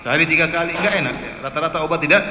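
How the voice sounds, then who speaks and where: A man's voice: on the high side, rapid-fire. A man preaching a sermon in a mosque, telling stories and asking the congregation rhetorical questions. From Indonesia. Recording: echoey mosque hall, faint hiss.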